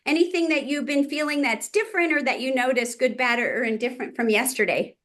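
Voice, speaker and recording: Woman, fitness class host, gentle and easygoing stretch instruction, distant mic, strong room echo. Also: high voice, fast talker. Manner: gentle, encouraging, easygoing guidance. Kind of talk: casual guided stretching instruction. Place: indoor room, live online exercise session. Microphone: camera microphone at a distance. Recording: echoey room, distant microphone.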